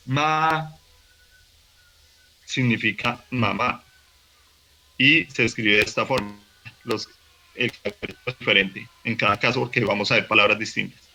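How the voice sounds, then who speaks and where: Gravelly bright-voiced man teaching. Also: medium pitch, rough recording. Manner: patient explaining, fillers and restarts, slow demonstration of tones. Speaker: language teacher. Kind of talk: recorded online workshop lesson.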